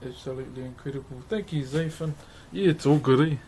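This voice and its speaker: A man's voice: mid-range voice, fast talker, mellow. A man with a broad New Zealand accent chatting casually with livestream viewers as host, in a laid-back, matey way. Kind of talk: casual livestream chat while carving. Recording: clearly noisy background ambience.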